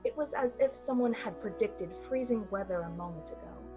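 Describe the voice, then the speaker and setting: A woman tells a suspenseful summer-night tale in the style of a 1940s radio play, building measured suspense. Her mid-range voice is animated and fairly quick, close to how she'd normally speak. The recording is slightly muffled, with music playing underneath.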